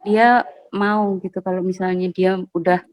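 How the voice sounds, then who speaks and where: A woman's voice: on the low side, fairly even intonation, unhurried, darkish tone, no echo. A woman parent talking casually on a video call, hesitant with many fillers and polite toward the host. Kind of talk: casual online discussion.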